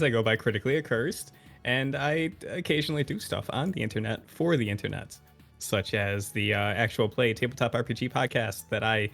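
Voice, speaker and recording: A man who runs a tabletop game, interviewed as a podcast guest, talking in a relaxed, wry way and chuckling between phrases. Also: mid-range voice, gravelly.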